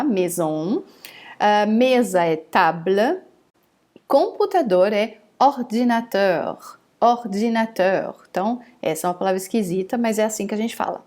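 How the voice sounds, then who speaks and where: In an online French lesson, a woman with a medium-pitched, darkish voice models each phrase slowly and carefully, saying it twice before explaining it.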